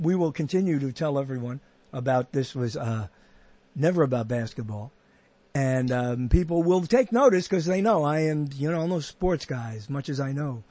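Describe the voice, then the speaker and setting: A podcast host with a fairly high, darkish voice chats casually in an interview. He rambles, with many restarts and half-finished thoughts.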